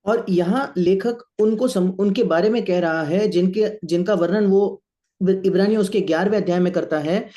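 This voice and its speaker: Male sermon interpreter, high-pitched, mellow tone, steady line-by-line delivery. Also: normal speed.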